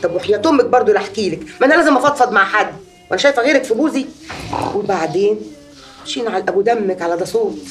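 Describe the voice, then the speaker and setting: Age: adult. Sex: woman. Figure: a woman playing a boastful, much-married gossip. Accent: Egyptian. Pace: fast. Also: mid-range voice, animated, lightly acted. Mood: boasting. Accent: Egyptian Arabic. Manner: chatty, exaggerating storyteller.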